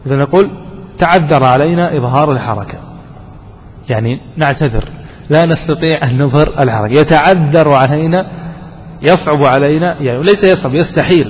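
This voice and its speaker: A man's voice: a little high, a little fast. Man teaching in an echoey hall. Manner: quizzes students, repeats and stresses points. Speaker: sheikh teaching grammar. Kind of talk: classroom grammar lesson. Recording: echoey hall with faint noise.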